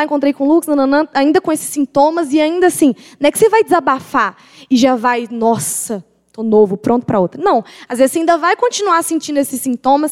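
A woman's voice: high voice, darkish tone. A young woman gives a personal faith testimony. She is emphatic and confessional and repeats phrases for weight. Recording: long hall reverb.

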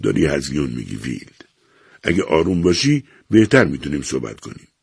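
A man voicing a cold, measured woman who speaks firmly and without mercy, in an audiobook reading. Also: rumbling low, big pitch swings, vocal fry, a little mellow, breathy edge, no echo, studio quality, full character voice. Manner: measured, firm, unyielding. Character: cold, measured estranged wife.

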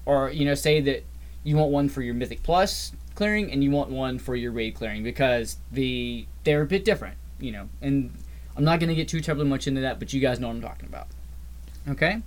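Brisk and medium-pitched, a male podcast co-host goes over game patch changes in a casual gaming chat. His explanations ramble loosely, and he frequently lets his sentences trail away.

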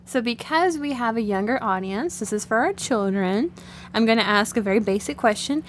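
A woman hosts an interview in an informal, enthusiastic conversational style. Her voice is a little high, and a faint hum sits behind it. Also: lively intonation, moderate pace. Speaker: interview host. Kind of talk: conversational interview for young listeners.

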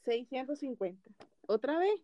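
A woman's voice: sits high, sing-song, moderate pace, warm tone, dry recording, muffled recording. A young woman with a Venezuelan accent, chatting casually and insisting her answers count in a word game.

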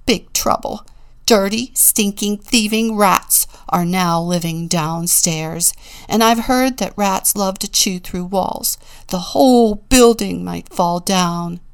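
A woman's voice: mid-range voice, slow, clean tone. A woman voicing a worried, alarmist male polar bear in a storybook, with an anxious manner.

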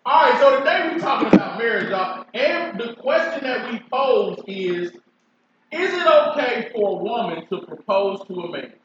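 A high-voiced man, teasing and pressing his guests with the same question again and again. He sounds far from the mic in an echoey room. The sound is muffled and hissy. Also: big pitch swings, moderate pace. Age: 40s. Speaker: show host. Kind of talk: casual barbershop debate. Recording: roomy, distant, muffled and noisy.

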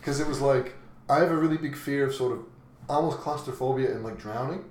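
A man's voice: mid-range voice, a little fast. A man co-hosting a podcast in casual chat, rambling with many restarts and fillers. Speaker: podcast co-host. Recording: echoey room with faint noise.

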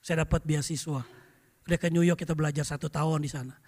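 A middle-aged male pastor preaching, telling lively anecdotes and often turning to address the congregation. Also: on the high side, fast talker, big-room sound. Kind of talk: storytelling sermon.

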